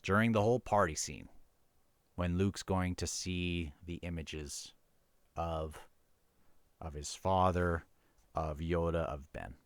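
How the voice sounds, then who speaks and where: With a low-pitched voice, slow pace, and long pauses, a man hosting a book review show chats informally about a book, reading bits aloud and occasionally tripping over words. There's no room sound in the recording.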